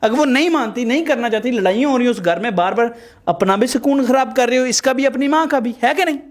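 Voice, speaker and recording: Male host, higher than usual voice, emphatic and lecturing, refereeing a couple's fight. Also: animated. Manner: emphatic, lecturing, addresses viewers. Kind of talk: mediating a marital dispute on camera.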